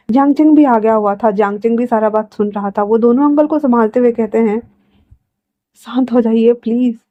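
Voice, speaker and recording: A woman narrates an emotional fan fiction story, dramatically speaking the characters' lines herself. Her voice sits high yet has a mellow, dark tone. The sound is dry and a bit dull, like a lo-fi home mic. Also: no echo.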